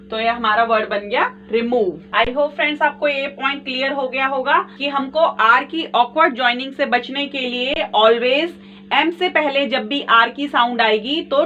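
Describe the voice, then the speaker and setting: A woman's voice: sits high, sharp tone. A woman teaching a shorthand lesson step by step, patient and repetitive, calling her viewers friends. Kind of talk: step-by-step tutorial explanation. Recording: distant, dull lo-fi mic with faint noise.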